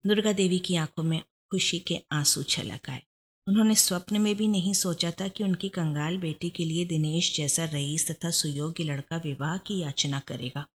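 Woman reading out a hindi story, bit low voice, steady and expressive. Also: moderate pace. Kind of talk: scripted story narration.

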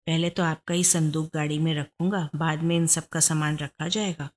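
A woman voicing a wealthy, good-natured young man who jokes warmly and pleads earnestly. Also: low-pitched, fairly even intonation, moderate pace, lightly acted. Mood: warm, joking. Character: rich affable young man, warm and joking.

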